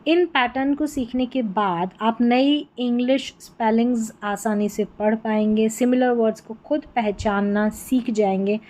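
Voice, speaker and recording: A woman's voice: a little high, a little mellow, poor audio. A woman teaching an English spelling lesson, explaining patiently and repeating words so learners catch them. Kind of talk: Hindi-language spelling lesson.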